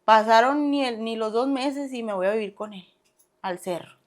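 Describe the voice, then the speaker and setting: A young woman with a Mexican Spanish accent recounts her past in a relaxed podcast chat. Her voice sits a little high, and she talks in a lively, animated way, acting out what others said and laughing along the way. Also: moderate pace. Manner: animated, acts out past dialogue, laughs often. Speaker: podcast guest. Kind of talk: casual storytelling interview.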